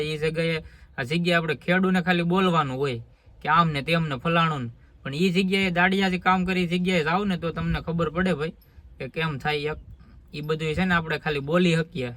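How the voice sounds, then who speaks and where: A man's voice: on the high side, a bit bright. A man, vlogging earnestly to his phone outdoors on a farm. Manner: earnest, talks in a homely village way. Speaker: farmer vlogger. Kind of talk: casual vlog talk to camera. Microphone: phone held by the speaker.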